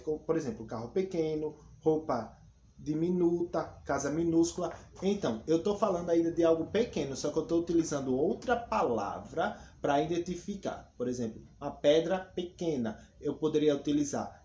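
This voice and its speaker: A man teaching a grammar class, patient and thorough, repeating each rule and giving example after example. His voice sits a little high for a man but has a warm, mellow tone. It sounds like a bare, echoey room, with a faint hum underneath. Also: expressive, normal speed. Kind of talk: explaining a grammar lesson.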